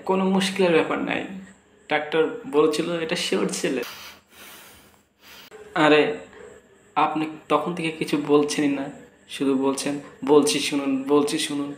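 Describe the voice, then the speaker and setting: A man playing a cheeky father in a comic sketch, twisting everything said to him with deadpan wordplay. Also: a little high, measured pace, gravelly, pauses often, a little hiss or hum. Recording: echoey room with faint ambience.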